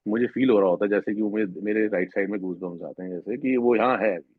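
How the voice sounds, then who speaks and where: A man's voice: lowish voice, quick pace, husky, no echo. A man earnestly telling a rambling personal story of a spiritual experience at a devotional gathering, often restarting his sentences. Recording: tinny phone-like sound, dry.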